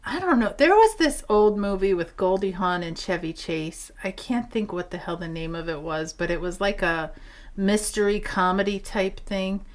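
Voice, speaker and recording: A woman co-hosting a podcast, chatting casually about a film in an animated, exasperated way and laughing often. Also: medium pitch, normal speed. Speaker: podcast co-host. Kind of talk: casual chat reviewing a film.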